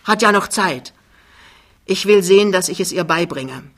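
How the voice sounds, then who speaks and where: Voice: mid-range voice, moderate pace, a bit bright, natural voice. A reader voicing a big, talkative, overbearing man who confides and gossips. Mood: confiding.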